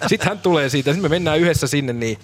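A man's voice: on the high side, animated, slight background noise. A man telling a funny anecdote as a guest on a live show, acting out the people in it. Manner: acts out voices while telling a story. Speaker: guest storyteller. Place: restaurant.

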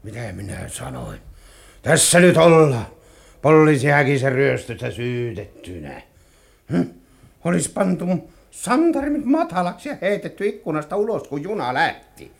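An actor playing a gruff, grumbling adventurer who swears mild oaths, in a 1950s radio drama. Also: male voice, on the high side, sing-song, heavily acted. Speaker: adventurer hero in a radio serial. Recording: hissy old radio broadcast.

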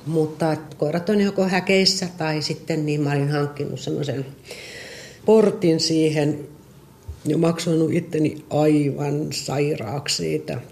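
A middle-aged woman chatting casually about her dog, lively and often stumbling over repeated words. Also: low voice. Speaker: dog owner interviewee. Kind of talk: casual personal storytelling.

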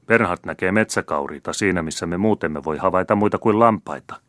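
A man's voice: low voice, a bit bright, no room sound, studio quality. Man voicing a jesting noble father. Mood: jesting, impatient. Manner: jesting, impatient. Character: genial, impatient noble father.

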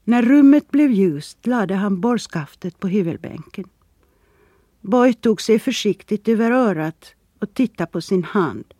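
Reading fiction for an audiobook, this narrator stays even and steady, pitched in the middle of the voice's range. The scripted narration is captured close-up in a dry recording with no audible room.

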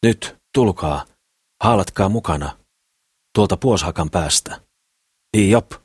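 A man's voice: fairly low pitch, a bit bright, no room sound, clean studio sound, voice pushed up. A male audiobook reader voicing a grumpy, irritable lame village man who barks and scolds. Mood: bossy shouting. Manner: gruff, barking orders.

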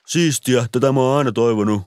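A man's voice: mid-range voice, a little mellow, a little hiss or hum, pitched above the performer's own voice, lightly acted. A man voicing a lonely, grumpy adult male metal fan in an audiobook reading, talking curtly and impatiently. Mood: pleased.

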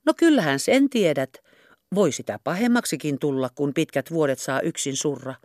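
A woman's voice: deep voice, expressive, a little mellow, no room sound, studio quality. Brief: coy pious seamstress, teasing and tart, read by a woman narrator.

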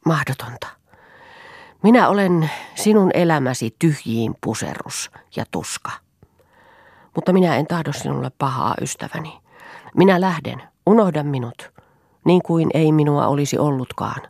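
A woman's voice: sits low, lively intonation, gravelly, darkish tone, dry recording, clean studio sound, pitched above the performer's own voice, exaggerated voice. A woman reading the lines of a brooding, melancholy young woman in an audiobook, with earnest, sorrowful delivery. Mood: sorrowful, bitter.

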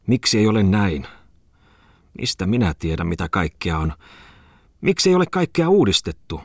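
A man's voice: low voice, no echo, clean studio sound. A man voicing a tipsy, emotional idealist who rants in a whining, pleading voice in an audiobook. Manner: whiny, pleading, rhetorical outbursts.

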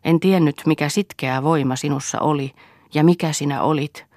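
A woman's voice: sits low, steady tone, darkish tone, dry recording, studio quality, natural voice. A woman reading a letter from an affectionate younger sister, in a tender and pleading way.

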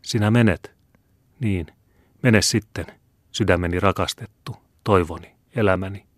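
A man's voice: sits low, dry recording, clean studio sound. A man reading as a passionate dying mother. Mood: impassioned. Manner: impassioned, pleading.

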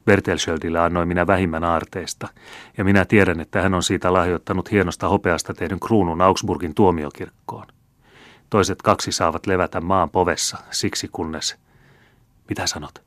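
A man's voice: deep voice, fairly even intonation, a bit bright, no echo. A male narrator voicing a devout old woman accused of witchcraft, answering in a dry, curt, firm way. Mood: defiant.

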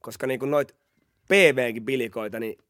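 This young adult podcast host has a medium-pitched voice. He chats casually through a story, animated and laughing as he performs other people's quotes, recorded in a clean studio with no room sound.

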